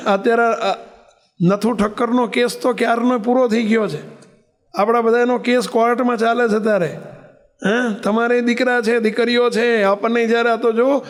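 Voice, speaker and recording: A man giving a sermon, telling a story, acting out its characters and asking the listeners questions. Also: extremely high pitch. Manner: acts out characters' voices in his stories; asks the listeners rhetorical questions. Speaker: preacher.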